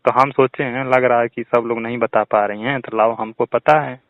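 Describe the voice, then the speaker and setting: Over a narrow, tinny phone line, a student with a Bhojpuri accent swaps teasing, boastful stories in a casual chat. His mid-range voice holds a steady tone at normal speed, with no room sound.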